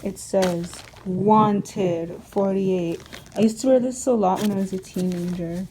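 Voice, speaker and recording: Young woman vlogger, unhurried and rambling, mellow tone, faint background noise. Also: mid-range voice, steady tone, low-quality recording. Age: young adult. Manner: rambling, filler-heavy and chatty. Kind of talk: casual vlog chat.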